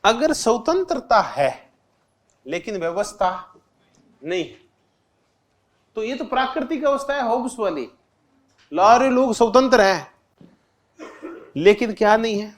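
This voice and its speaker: High-pitched and sing-song, this man speaks at a measured pace with long pauses. Teaching political science for an exam, he constantly poses questions to the class, answers them himself, and reinforces key terms with simple examples.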